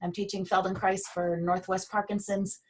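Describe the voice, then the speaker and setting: A woman teaching a Feldenkrais class over a video call, speaking gently and unhurriedly with pauses and fillers. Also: mid-range voice, little pitch movement, distant mic. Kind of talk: guided movement lesson over video call.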